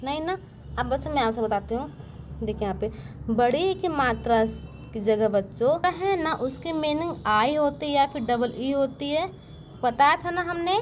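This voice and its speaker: A woman's voice: high voice, animated, normal speed, a little hiss or hum. A woman teaching a patient classroom-style lesson, speaking to the listeners as children and often asking checking questions.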